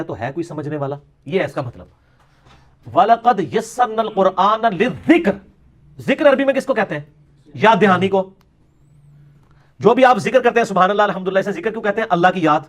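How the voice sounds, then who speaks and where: A man giving a polemical religious lecture, mocking his opponents and dropping into quips. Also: sits high. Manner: sarcastic, mocking, lapses into Punjabi quips. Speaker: religious speaker.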